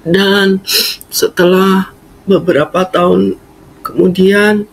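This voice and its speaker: A woman's voice: medium pitch, level tone, vocal fry, rough recording. A middle-aged woman tells a church testimony in an earnest, storytelling way. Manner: slow, earnest storytelling with fond laughter. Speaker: former singer giving a faith testimony.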